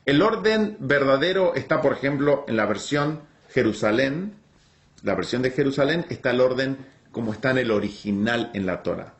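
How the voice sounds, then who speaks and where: A man preaching and teaching from the Bible, explaining the text in a deliberate, expressive way. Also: mid-range voice.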